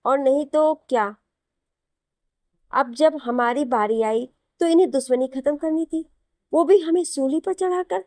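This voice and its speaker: A woman voicing a spoilt, sharp-tongued young bride in an audio novel, teasing and cheeky. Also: sits high, a little slow, dry recording, clean studio sound, voice pushed up. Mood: complaining. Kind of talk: Hindi audio novel reading.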